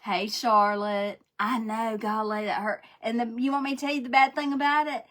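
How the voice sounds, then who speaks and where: A woman's voice: a little high, level tone, normal speed, a bit bright. A woman chatting folksily on a livestream while she paints, greeting viewers by name. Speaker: craft livestream host.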